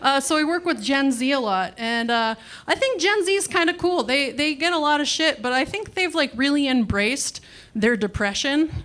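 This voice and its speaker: High-voiced wry woman comic on stage. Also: lively intonation, fairly bright tone. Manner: wry, self-deprecating, acts out quick dialogue. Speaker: stand-up comedian. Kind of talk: stand-up comedy set. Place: comedy club stage.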